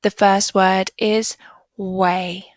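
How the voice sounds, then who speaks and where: A woman leads a children's phonics lesson, drawing out each vowel sound and word with deliberate care. Her pace is unhurried and gentle. The recording is dry, with no room around the voice. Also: medium pitch, level tone, dry recording, poor audio. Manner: slow, clearly sounding out letters and words. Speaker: teacher. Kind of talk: primary school phonics lesson.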